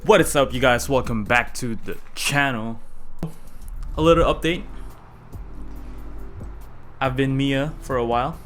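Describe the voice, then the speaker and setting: A man's voice: medium pitch, unhurried, long pauses, fairly bright tone, soft background music. A young man hosting his own car project vlog, talking loosely to camera with frequent restarts. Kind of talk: casual vlog talk to camera.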